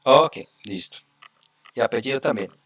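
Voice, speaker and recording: A man leads a live coding class with a voice of ordinary middle pitch. He talks through each step as he goes and keeps checking that his students are following. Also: expressive, moderate pace, fairly bright tone. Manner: explains step by step, often checking in with "¿cierto?" and "¿ok?". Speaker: programming instructor.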